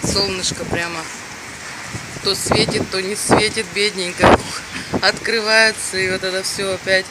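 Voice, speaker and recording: A woman films a casual outdoor vlog from a balcony as strong wind batters the microphone. She talks slowly and off the cuff, dropping exclamations between her remarks. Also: medium pitch, flat delivery. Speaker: amateur vlogger filming from a balcony. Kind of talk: casual spontaneous narration to camera. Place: outdoors on a windy high balcony. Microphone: handheld camera mic buffeted by wind. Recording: loud wind noise buffeting the microphone.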